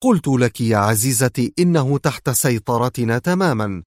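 A man voicing a calm, smug male villain who mocks his captive quietly and without hurry. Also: medium pitch, dry recording, studio quality, close to an everyday voice. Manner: quiet, mocking and unhurried.

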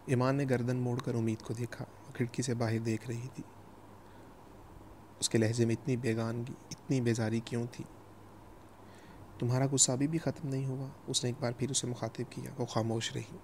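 A man reading a novel aloud as a steady, even audiobook narrator. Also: medium pitch, slight background noise.

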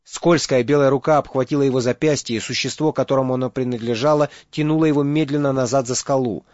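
A man reading an audiobook as narrator, in steady dramatic storytelling. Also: mid-range voice, fast, dry recording, lo-fi sound. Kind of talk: scripted narration.

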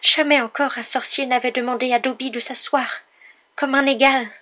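Dobby, a squeaky servile house-elf, put on by a woman. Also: fairly even intonation, fairly quick, fairly bright tone, husky. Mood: sobbing. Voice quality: high squeaky voice. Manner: humble, overexcited, sobbing outbursts. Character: small male house-elf, servile, anxious, tearful. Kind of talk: audiobook character voice.

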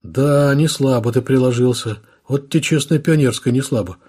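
A man voicing a gruff, easygoing police detective who grumbles in street slang, in an audiobook. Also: medium pitch, moderate pace, a little mellow, natural voice. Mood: gruff, offhand. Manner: grumbling, colloquial.

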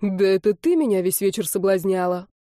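A woman voicing a polite young man who speaks slowly and mildly, calm even when accused. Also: medium pitch, no echo, clean studio sound, lightly acted. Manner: slow, calm and mild.

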